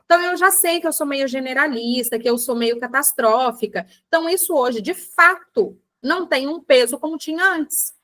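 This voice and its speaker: A woman's voice: high-pitched, expressive, normal speed, hardly any pauses, pushed and bright. A Brazilian woman, a psychologist, giving a chatty online lecture, addressing her listeners directly and acting out everyday examples. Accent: Brazilian Portuguese. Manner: chatty, addresses audience as "gente", acts out examples. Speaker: psychologist teaching a book club class.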